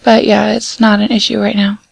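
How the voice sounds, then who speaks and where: A woman's voice: medium pitch, little pitch movement, fairly quick, creaky, breathy edge, no echo, low-quality recording. A woman casually chatting and commenting on a game she is playing with a friend, playful and self-mocking. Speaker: gaming channel co-host.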